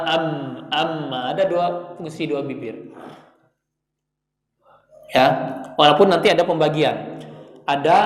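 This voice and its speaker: A man's voice: a little high, a little mellow. A man with an Indonesian accent teaching Quran pronunciation in a prayer room, patiently demonstrating letter sounds over and over. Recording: echoey hall, mic at a distance.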